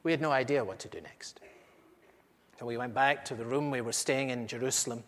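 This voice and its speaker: A man with a medium-pitched, fairly bright, natural voice speaks fairly quickly as an aged apostle sharing eyewitness memories. The first-person dramatic monologue is solemn, earnest and intimate, rising in dramatic swells, and the recording has the long reverb of an echoey hall.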